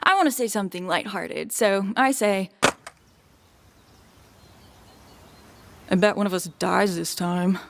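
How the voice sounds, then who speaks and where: A woman's voice: medium pitch, normal speed, creaky, lightly acted. An actress playing a wry, grandiose teenage girl who narrates a video game in arch, dramatic phrasing. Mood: wry, wistful.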